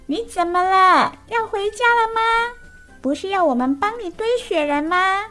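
A woman voicing a group of playful little mice children who are bouncy and excited. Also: extremely high pitch, moderate pace, faint music behind, pitched above the performer's own voice. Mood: puzzled.

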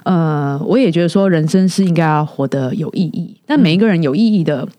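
A woman's voice: low voice, brisk, mellow, dry recording. A woman with a Taiwanese Mandarin accent hosting a podcast interview, chatty and admiring toward her guest. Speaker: podcast host. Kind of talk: casual interview chat.

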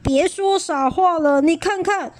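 A woman's voice: very high voice, a little slow, darkish tone, voice pushed up. A woman voicing a sly, menacing grown male tyrannosaurus in a storybook reading, with sneering chuckles and an insistent manner.

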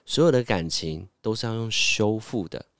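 A man co-hosting a casual podcast chat, animated and quick to make his point. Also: lowish voice, no room sound, studio quality. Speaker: podcast co-host.

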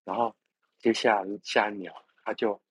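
A man, a podcast guest slowly and gently retelling a story in a soothing way. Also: fairly low pitch, fairly even intonation, husky, dry recording, low-quality recording. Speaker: interview guest. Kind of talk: casual storytelling.

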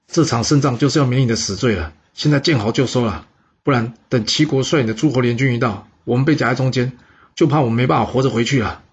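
A man voicing a cautious, scheming general who urges his brother in a persuasive manner, in a husky voice on a dull recording. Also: mid-range voice, quick pace. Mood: urging.

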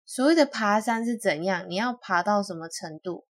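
A woman's voice: medium pitch, moderate pace, no echo. A young woman speaks Mandarin with a Taiwanese accent as co-host of a casual podcast. She chimes in often with short agreeing remarks, in an easygoing manner. The recording is close and dry, with no room sound. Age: 20s. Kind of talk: casual chat.

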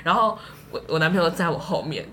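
Woman, Taiwanese Mandarin accent, casual podcast chat, animated, laughing storyteller, bright voice, faint background noise. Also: fairly low pitch, fast. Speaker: guest.

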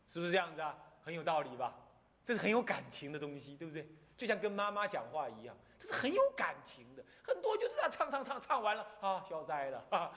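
A middle-aged Taiwanese abbot preaches with a Taiwanese Mandarin accent. His voice is high and very lively, full of rhetorical questions and quick laughs. The sound rings through a temple hall with a long reverb. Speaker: Buddhist abbot giving a Dharma talk. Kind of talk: sermon.

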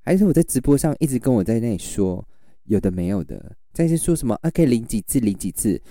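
Man, livestream seller, lively storytelling, dry close sound. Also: medium pitch, fast, no room sound. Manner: animated storyteller, acts out customers. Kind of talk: casual chat.

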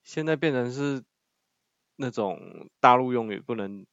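A man's voice: mid-range voice, lively intonation, a little slow, gravelly, no echo, highs cut off. A man with a Taiwanese accent chatting casually and teasingly as a podcast co-host. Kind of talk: casual chat.

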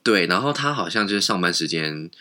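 Man, very low voice, lively swings in pitch, blunt gossipy podcast chat. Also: brisk. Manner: animated, blunt, swears freely. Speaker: podcast co-host.

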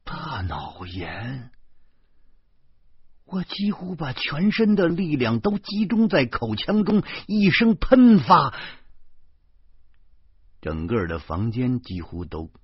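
A man narrating a novel in the first person, wry and animated. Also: fairly high pitch, takes it slowly, breathy edge, no echo. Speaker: audiobook narrator. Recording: dull lo-fi recording.

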